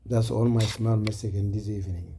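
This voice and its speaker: A man's voice: lowish voice, steady tone, brisk, noisy background. A man giving an impassioned personal message in earnest, repetitive phrases and English. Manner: earnest, repetitive, preaching cadence, non-native grammar. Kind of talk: impassioned personal address to camera.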